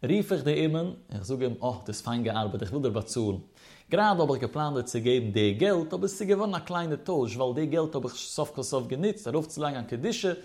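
A man's voice: mid-range voice, lively intonation, fast talker, a little mellow. A man teaching a Talmud study lesson, explaining step by step with rhetorical questions and mixing in Hebrew study terms. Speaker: religious teacher.

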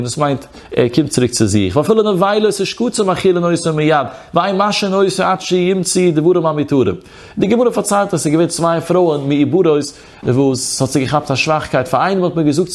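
Yiddish-accented man, chanting study lecture. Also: a little mellow. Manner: chanting sing-song study cadence, pitch swinging up and down. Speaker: rabbinic lecturer. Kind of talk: Torah lecture on Yom Kippur fasting law.

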